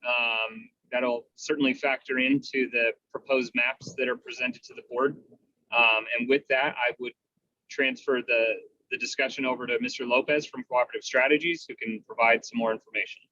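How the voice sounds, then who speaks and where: A man calling into a school board meeting while driving, speaking over a car speakerphone, making brief, polite, hurried remarks with filler pauses. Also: mid-range voice, steady tone, sharp tone. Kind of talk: brief formal remarks on a video call. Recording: distant, muffled call audio.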